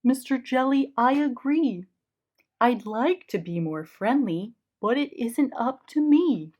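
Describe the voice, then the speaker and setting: A woman's voice: a little high, expressive, slow pace, darkish tone. A woman voicing a glum, resigned male fish in a children's storybook, in sing-song rhyme on a slightly dull recording.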